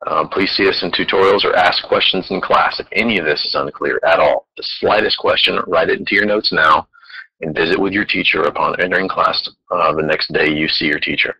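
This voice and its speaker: Deep-voiced, husky male chemistry teacher. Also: fairly even intonation, brisk, bright, forceful tone, rough recording. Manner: patient, step-by-step explaining. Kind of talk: recorded classroom lecture.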